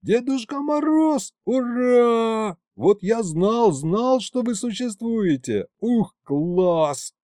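A man voicing an excitable young man who shouts and pleads eagerly. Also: sits high, unhurried, no room sound, studio quality, voice pushed up.

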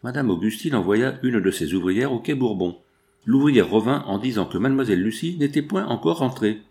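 A man narrating a classic novel aloud in a steady literary reading. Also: mid-range voice, brisk. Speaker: audiobook narrator.

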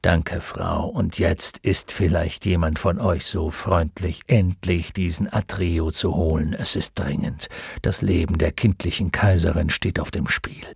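A man voicing an exhausted, gruff and impatient male centaur physician in an audiobook, speaking in low, curt mutters. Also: steady tone, a little slow, no echo, clean studio sound, heavily acted.

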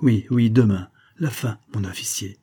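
Un homme qui prête sa voix à une jeune femme capricieuse, taquine et fougueuse, dans une lecture de nouvelle. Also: male voice, on the low side, normal speed, warm tone, slightly rough. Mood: teasing. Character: capricious young woman, playful and fiery.

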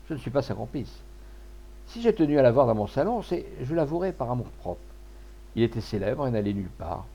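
A worldly, coquettish duchess speaks softly and knowingly in a storybook scene, read by a man. The voice is gravelly and middle-pitched, with an affectionate, assured manner.

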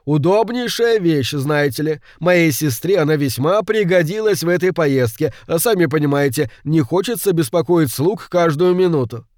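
A man voicing a fussy, overly solicitous gentleman in an audiobook, speaking briskly and loudly. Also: on the high side, lively intonation, no echo, studio quality, voice pushed up, natural voice. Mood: explaining. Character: fussy, overly helpful middle-aged gentleman. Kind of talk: audiobook reading.

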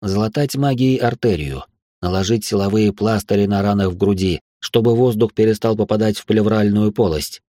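A man narrates an audiobook in a low, steady voice. The recording is dry and close to the mic, with no room sound. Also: normal speed, no echo. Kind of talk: first-person audiobook narration.

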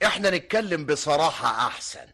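A man's voice: fairly high pitch, big pitch swings, fairly quick, sharp tone, heavily acted. An actor with an Egyptian accent playing a wary village man in a radio drama, placating and evasive, then probing bluntly. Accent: Egyptian Arabic.

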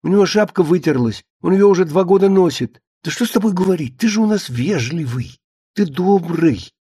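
A shrill, scolding middle-aged wife, as a male narrator puts her on, raised well above his husky voice. She nags insistently and leaves no room to answer. The audiobook sound is dry and close. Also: expressive, moderate pace, warm tone, no room sound. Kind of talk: audiobook character voice.

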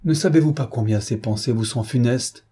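A man's voice: mid-range voice, brisk, dark tone, breathy edge, natural voice. A man voicing an anxious, motherly governess who speaks in a raised, exclamatory voice in a read-aloud novel. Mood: alarmed. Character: anxious older woman governess, fussy and motherly.

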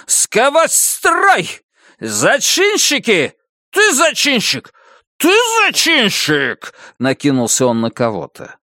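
A man reading a classic novel aloud as an audiobook narrator, with expressive delivery. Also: mid-range voice, no echo, clean studio sound. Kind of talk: literary reading.

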